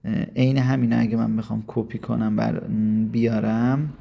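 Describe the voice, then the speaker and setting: Man from Iran, English teacher, casual video lesson, gravelly, coaxing. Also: medium pitch, flat delivery, mellow, slight background noise.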